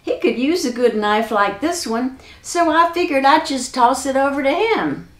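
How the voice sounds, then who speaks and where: A woman's voice: sits high, lively intonation, normal speed, a bit bright, roomy sound, voice pushed up. A woman voicing a sly, clever young country man who talks in a folksy drawl.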